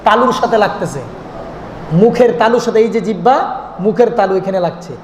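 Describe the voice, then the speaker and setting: Over a faint hiss or hum, a high-voiced Islamic preacher speaks fairly quickly in a waz sermon, his amplified voice echoing through a long, reverberant hall. He repeats phrases rhythmically, questions the crowd, and sometimes chants and sings God's name.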